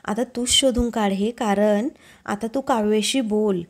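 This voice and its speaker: A woman's voice: medium pitch, steady tone, measured pace. A woman voicing a caring, gossipy young woman who talks in a concerned, chatty way. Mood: pleading.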